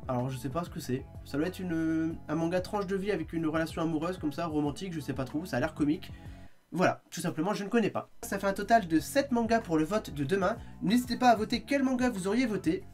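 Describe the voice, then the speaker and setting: Tired guy rambling about manga, faint music under him. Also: high-pitched. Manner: chatty, animated, quick asides. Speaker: manga vlogger. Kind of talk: casual video review.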